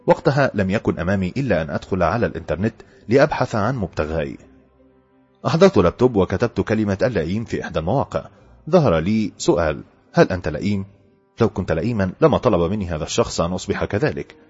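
Deep, husky Egyptian male narrator. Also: darkish tone. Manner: wry, humorous storytelling. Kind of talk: first-person audiobook narration. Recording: dull lo-fi audio with faint background music.

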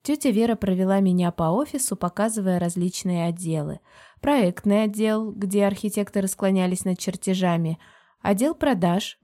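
Woman with a mellow audiobook narration. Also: mid-range voice. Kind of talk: first-person audiobook narration.

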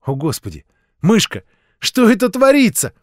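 A man voicing a caring mother gently fussing over her daughter, in a storybook reading. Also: sits high, normal speed, dry recording, studio quality, voice pushed up, natural voice. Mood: concerned. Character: anxious, caring mother of a girl.

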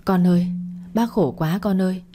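A scheming older aunt, put on by a woman narrator shrieks and whimpers to get her way. The voice is husky and mellow. It belongs to a spoken audio story. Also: lowish voice, fast talker. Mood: fake-tearful. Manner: shrieking, fake-tearful.

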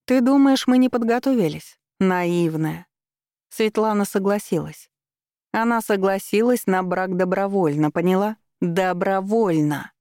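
A woman's voice: medium pitch, a little slow, mellow, dry recording, clean studio sound, natural voice. A woman voicing a cruel, scheming middle-aged mother who talks down to her daughter with cold scorn. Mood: mocking.

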